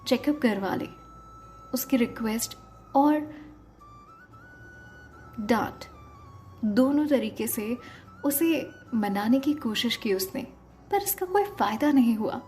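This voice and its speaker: A storyteller narrates an emotional audio story in a fairly high, dark-toned woman's voice. It's dramatic narration that includes acted dialogue.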